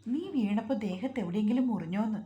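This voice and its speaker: A woman voicing a young village husband who scolds his wife and then softens, in a roomy recording. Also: mid-range voice, fast talker, lo-fi sound, lightly acted. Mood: soothing. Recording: roomy echo.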